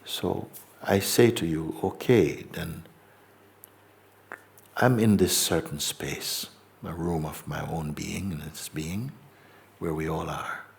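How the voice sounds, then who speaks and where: A middle-aged man, a spiritual teacher, gently and slowly guiding a meditation talk in a hall before a live audience. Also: sits low, creaky. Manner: slow, gentle, repetitive, hesitant.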